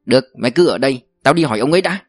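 A man's voice: medium pitch, expressive, very fast, no room sound, studio quality, soft background music, natural voice. A man reading an audiobook voices a crafty older security chief who talks bluntly and bossily. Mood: scheming. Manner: blunt, bossy. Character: sly older male security chief, scheming.

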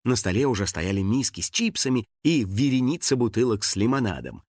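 A man narrating a children's story in an audiobook with expressive storytelling. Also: mid-range voice, a little fast, no echo, clean studio sound. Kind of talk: scripted narration.

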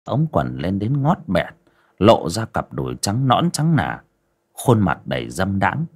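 Husky, lively male storyteller. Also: low voice, unhurried. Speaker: audiobook narrator. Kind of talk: storytelling narration.

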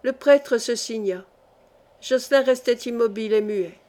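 A woman narrating a historical novel as an audiobook, with measured, dramatic pacing. Her voice sits somewhat high. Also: a little mellow. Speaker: audiobook reader.

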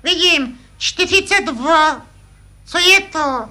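A cheeky puppet schoolboy who pokes holes in his father's bragging and whines about lessons. The voice is very high and piercingly bright. It belongs to an old-time puppet comedy. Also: exaggerated voice. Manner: cheeky, needling, whiny. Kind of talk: vintage puppet comedy sketch.

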